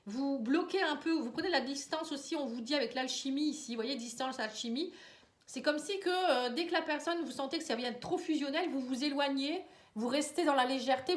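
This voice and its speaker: In a roomy, resonant space, a woman with a high voice and a stuffy head cold, sounding tired, reads tarot and oracle cards for a casual horoscope to camera. She talks right to the viewer and keeps adding "hein" and "vous voyez."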